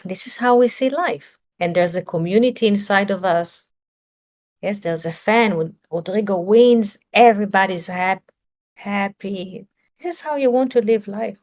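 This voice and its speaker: A woman with a medium-pitched, somewhat dark voice speaks unhurriedly as a spiritual teacher. She gives a searching spiritual talk, groping for words and posing rhetorical questions.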